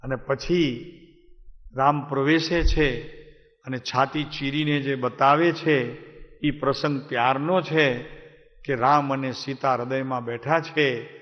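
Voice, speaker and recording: A man's voice: mid-range voice, steady tone, takes it slowly, pauses often. A man with a Gujarati accent telling a devotional story to a gathering, repeating phrases for emphasis and asking listeners questions. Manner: repetitive, emphatic storytelling, asks audience questions. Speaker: spiritual discourse speaker. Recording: reverberant hall, dull lo-fi sound.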